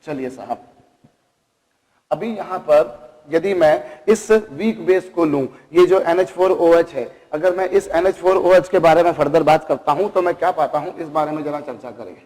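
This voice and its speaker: Calling his students kids and breaking off for rhetorical questions, a man lectures on chemistry in a high-for-a-man, darkish voice. The room sounds hard and reverberant, like a classroom.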